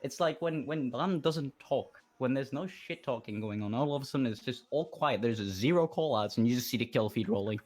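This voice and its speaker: A man co-hosting a casual gaming podcast, telling stories in an animated way and swearing freely. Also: mid-range voice, fairly quick, few pauses.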